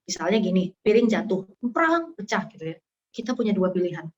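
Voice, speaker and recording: A young woman giving a casual religious talk as a guest speaker, telling lively stories and acting out scenes with sound effects. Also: medium pitch, brisk, dull audio.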